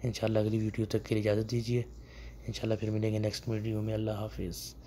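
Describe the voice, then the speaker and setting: A man giving a video lesson on spoken Arabic dialect, explaining phrases patiently and repeating each one slowly with emphasis. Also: lowish voice, completely flat delivery, mellow, a little hiss or hum.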